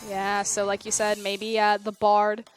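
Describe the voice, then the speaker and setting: A woman's voice: medium pitch, completely flat delivery, measured pace, soft background music. A woman giving esports analysis as a caster, chatty, often acting out players with mock quotes.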